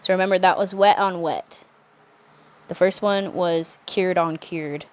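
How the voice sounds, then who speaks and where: A young adult woman talking through a nail art tutorial in a chatty, relaxed way, with self-correcting asides. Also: on the low side, unhurried. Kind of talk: casual step-by-step tutorial narration.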